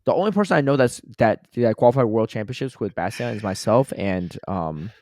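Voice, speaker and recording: A man's voice: on the low side, lively intonation, fairly quick, a little mellow. A man co-hosting a podcast in casual chat, upbeat and talkative, giving long explanations. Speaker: podcast co-host.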